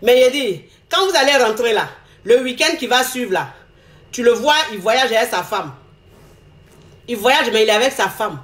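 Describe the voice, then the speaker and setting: A woman with a high voice delivers a frank, expressive monologue of relationship advice. She hammers her points by repeating them and acts out the words of the people she quotes. The sound bounces around an echoey room. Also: moderate pace. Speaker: advice speaker.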